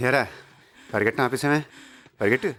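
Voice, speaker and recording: A man's voice: medium pitch, a little fast, a bit bright, a little hiss or hum, lightly acted. An actor playing a man who mocks and scolds others, with a Telugu accent. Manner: mocking, scolding. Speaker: comic film character. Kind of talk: Telugu film comedy acting.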